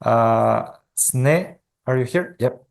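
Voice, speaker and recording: A man moderating a webinar over a video call, friendly and halting with many fillers. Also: mid-range voice, vocal fry.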